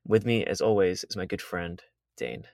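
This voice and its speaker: A young man with a fairly low voice co-hosts a podcast, chatting in a relaxed, easygoing way. He chuckles often and agrees readily with his friend. The recording is dry, with little room sound. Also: moderate pace, no room sound. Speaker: podcast co-host. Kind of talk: casual chat.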